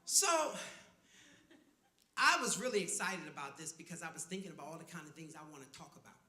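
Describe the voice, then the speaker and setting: Bright, teasing preacher-comedian in a roomy hall. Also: male voice, on the high side, very animated, a little fast. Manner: loud, teasing crowd work with call-and-response. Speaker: pastor and comedian. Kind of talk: stand-up comedy set. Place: church sanctuary before a live audience.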